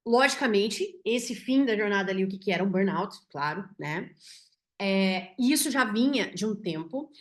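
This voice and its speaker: A woman physician with a Brazilian Portuguese accent tells a patient case to her audience. She speaks in an animated way and often ends her sentences with "né?". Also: medium pitch, normal speed. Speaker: physician teaching symbolic medicine. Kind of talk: storytelling a case to an online audience.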